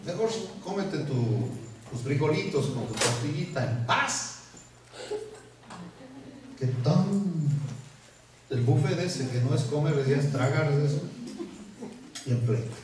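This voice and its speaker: A man preaching in a church, heard from some distance in a very echoey hall. His pitch sits a bit high, and he tells stories with animated humor. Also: slow, long pauses, a little hiss or hum. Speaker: pastor. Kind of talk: sermon.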